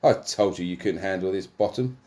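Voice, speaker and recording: A man's voice: low voice, fairly quick, dark tone, natural voice. A man voicing a cocky male fighter with a boastful, self-satisfied delivery.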